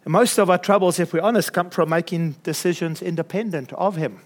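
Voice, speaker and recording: A man delivers a sermon in a high voice. He preaches earnestly and turns to his congregation with chuckling asides. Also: fairly quick. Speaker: pastor.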